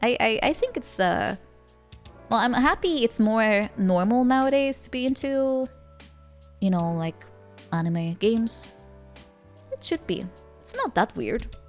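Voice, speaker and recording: A woman's voice: on the high side, lively intonation, a little slow. A woman livestreamer chatting casually while gaming, in a playful, cute anime-streamer manner. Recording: music playing behind the voice. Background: music.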